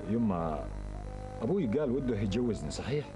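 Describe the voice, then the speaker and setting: A dutiful young Bedouin son in a television drama. He is earnest and respectful in Bedouin Arabic, his fairly low voice moving quickly over music. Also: very animated.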